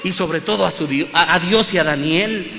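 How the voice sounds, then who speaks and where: A man's voice: on the high side, normal speed, creaky, pushed and bright. A man preaching a sermon in a church, speaking emphatically and repeating phrases as he addresses his listeners as brothers. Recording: long hall reverb, faint room noise.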